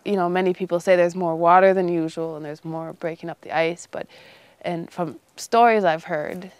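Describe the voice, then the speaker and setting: A woman's voice: on the low side, steady tone, normal speed, darkish tone, smooth, no echo. A 21-year-old woman from northern Canada with a Canadian accent, speaking informally and loosely in a casual, unscripted interview. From Iqaluit, Nunavut, northern Canada. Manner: informal, loose phrasing with frequent "you know". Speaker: interviewee, young polar expedition member.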